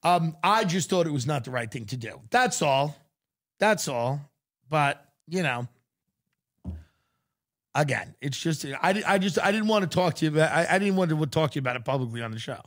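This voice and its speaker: Lecturing man, pitched a bit high. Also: expressive, normal speed, a bit bright. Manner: lecturing, stammering restarts, mock-voiced quotes. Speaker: podcast host. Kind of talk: casual chat.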